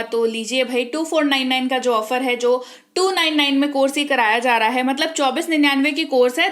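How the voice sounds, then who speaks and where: High-voiced woman teaching pronunciation. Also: a bit bright. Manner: spells words out letter by letter, asks and answers her own questions. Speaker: English teacher. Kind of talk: spoken English lesson.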